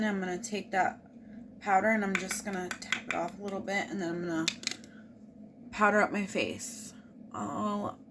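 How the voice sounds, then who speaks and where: A woman's voice: lowish voice, noisy background. A woman casually walking viewers through her makeup routine, explaining each step as she goes. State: hiccuping. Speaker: beauty vlogger.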